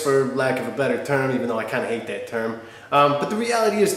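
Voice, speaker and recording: A man, talking to camera in a direct, colloquial, instructional way as a fitness host. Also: a little high. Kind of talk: talking to camera, answering viewer questions. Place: small wood-panelled home gym, indoors. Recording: very echoey room.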